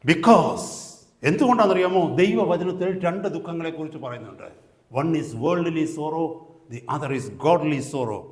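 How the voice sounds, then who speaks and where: A male pastor preaching a sermon, swinging from quiet talk to loud rising exhortation and slipping slow English phrases into his preaching. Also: a little high. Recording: echoey hall sound.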